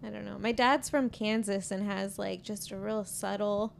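A woman guest chatting casually on a podcast, soft-spoken and giggly. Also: medium pitch, fairly even intonation, normal speed, creaky, slight background noise.

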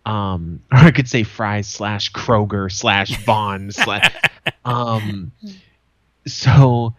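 A man's voice: fairly low pitch, extremely slow, no room sound. A man co-hosting a podcast, telling a story in a loose, profane way with frequent laughs. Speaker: podcast co-host. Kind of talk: casual chat, storytelling.

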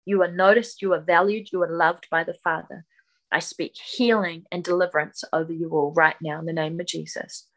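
A woman leading a deliverance prayer, speaking in forceful, repetitive commands. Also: fairly low pitch, fairly even intonation, normal speed, poor audio.

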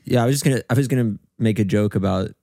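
A man's voice: fairly low pitch, rapid-fire, vocal fry, warm tone, no room sound. A man co-hosting a podcast in casual chat, dry and joking. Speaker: podcast co-host.

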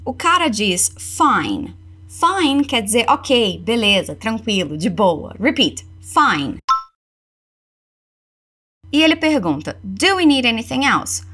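Brazilian woman English teacher, lively pitch, slow model phrases, quick explanations. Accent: Brazilian Portuguese. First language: Portuguese. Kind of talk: language lesson with repeat-after-me drills.

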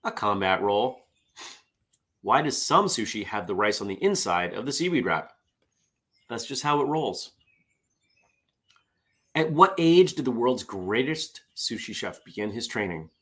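A man's voice: on the low side, sing-song, measured pace, pauses often, a bit bright. A middle-aged man hosts a casual morning show, chatty and self-deprecating as he reads out corny puns. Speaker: host. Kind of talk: casual morning show chat, reading jokes.

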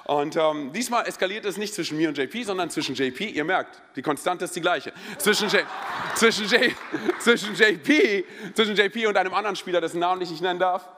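A man in his thirties preaching a sermon in a church, energetic and joking, telling personal stories with many interjections. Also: high-pitched, fast, few pauses, noisy background. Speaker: pastor. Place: church hall. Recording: long hall reverb.

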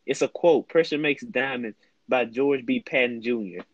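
A tired young man co-hosting a casual late-night chat, easygoing and quick to agree. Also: medium pitch, no room sound, dull audio. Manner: easygoing, agreeable, chimes in often. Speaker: co-host.

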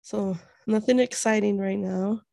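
A woman co-hosts a relaxed podcast, bubbly and quick to laugh, her voice a little stuffed up from a cold. The sound is dry and close, with no room around it. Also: mid-range voice, vocal fry, no room sound. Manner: bubbly, laughs often, playful. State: slightly congested from a cold. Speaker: podcast co-host. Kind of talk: casual chat. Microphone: remote call.

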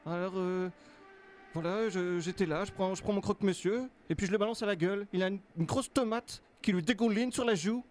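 A young man playing an excitable Belgian cook. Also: sits high, brisk, voice pushed up, natural voice. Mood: indignant. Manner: rambling, stammering, excitable. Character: hot-tempered male Belgian cook, put-on accent.

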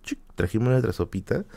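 A young man, hosting a podcast and telling a family story in a casual, animated way, often repeating himself and jumping up in pitch when he quotes people. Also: gravelly, no echo. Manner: animated, jumps high when quoting people, repeats words, laughs often. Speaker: podcast host.

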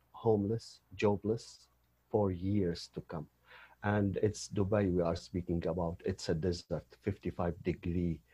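A Syrian man, appearing as a guest in an interview, tells his personal story hesitantly with many fillers and restarts. His voice is low, mellow and husky, and the audio is dull.

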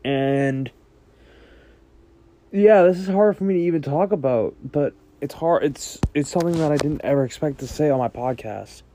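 A man hosting his own podcast, speaking earnestly in a halting way with frequent restarts. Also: fairly high pitch, dark tone, slight background noise. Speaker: podcast host. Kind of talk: solo podcast monologue.

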